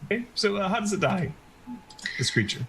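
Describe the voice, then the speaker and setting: A man's voice: high voice, big pitch swings, brisk, gravelly, background noise. A man running a tabletop game as game master, narrating casually with frequent fillers.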